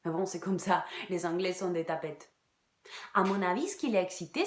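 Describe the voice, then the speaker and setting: A woman's voice: mid-range voice, a little mellow, reverberant, natural voice. An actress playing a heartbroken, bitter Irish woman in a theatre monologue, crude and sardonic, sometimes dropping to a whisper. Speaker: actress in a one-woman show.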